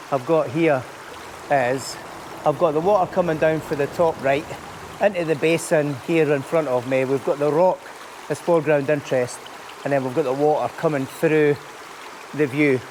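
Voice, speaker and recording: Standing by a stream under a bridge, this Scottish vlogger and landscape photographer gives relaxed, explanatory commentary. His voice runs high and a little mellow, with a bit of hiss or hum in the recording.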